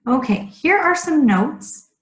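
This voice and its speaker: Woman, ESL teacher, very slow careful delivery, repeats key words, roomy echo. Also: high-pitched, animated. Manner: speaks slowly and deliberately, repeating key words. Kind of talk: slow, clearly enunciated grammar lesson.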